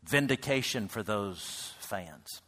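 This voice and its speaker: A man preaching a sermon to a congregation, swinging between loud calls and near-whispered lines. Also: on the low side, expressive, slow pace. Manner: builds to loud shouts, then drops to a hush. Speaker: pastor. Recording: reverberant hall.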